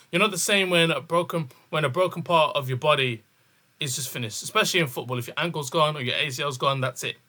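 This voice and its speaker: A man's voice: on the high side, pushed and bright. A young man with a London accent and urban street slang, giving casual football commentary as a channel host, repeating phrases for emphasis.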